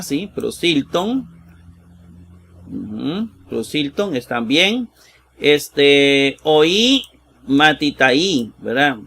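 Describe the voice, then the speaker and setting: A man teaching a Bible lesson, slow and halting with many fillers, sounding out Greek words piece by piece and checking in with his listeners. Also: fairly high pitch, vocal fry, a bit bright. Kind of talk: screen-shared exegesis lesson.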